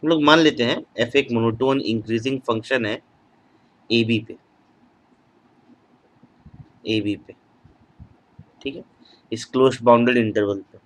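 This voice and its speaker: A man's voice: mid-range voice, poor audio. A man giving a recorded online math lecture, mixing Hindi with English terms and repeating phrases as he writes them out. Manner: slow, repeats phrases while writing on board.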